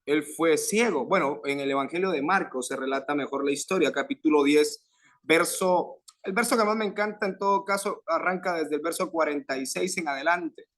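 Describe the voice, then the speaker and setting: A man with a Venezuelan Spanish accent preaching a sermon to a youth group, fervent, with rising emphatic phrases and pauses. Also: on the high side, fairly bright tone.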